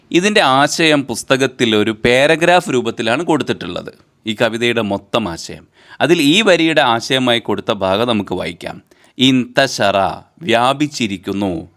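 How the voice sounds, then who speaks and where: A man teaching a poem line by line, with a smooth, resonant voice and an unhurried pace. He draws each verse out when he recites it, then patiently explains every word and restates its meaning several times. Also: mid-range voice, fairly bright tone.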